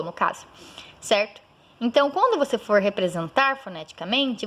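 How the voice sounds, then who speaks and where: A woman's voice: a little high, a bit bright. Woman teacher sounding out words. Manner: sounds out words slowly, syllable by syllable; frequent checking "certo?". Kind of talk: recorded school lesson.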